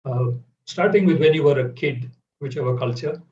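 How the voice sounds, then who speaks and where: A man interviewing a guest in a measured, hesitant way with many fillers, heard over a video call. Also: medium pitch, a little mellow. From India. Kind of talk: conversational interview. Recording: roomy, distant, dull audio.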